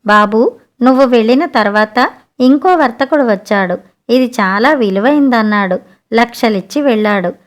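A poor mother begging a trader for a fair price, in a soft pleading tone, as a woman narrator voices her. The voice sits fairly high. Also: animated, moderate pace, natural voice. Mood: puzzled. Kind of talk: storybook narration.

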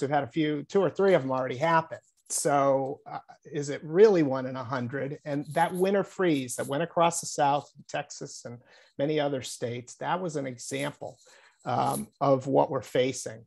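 Gravelly-voiced middle-aged man on a video call. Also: on the high side, darkish tone. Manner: earnest, halting, with many restarts and fillers. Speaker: insurance executive. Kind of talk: panel discussion on a video call. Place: small office indoors. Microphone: earbuds on a video call.

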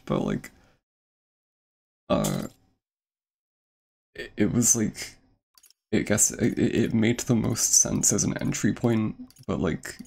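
This young streamer's voice runs on the low side, darkish, with vocal fry and a breathy edge. He's slightly out of breath, rambling casually with plenty of fillers and restarts while game music plays behind him.

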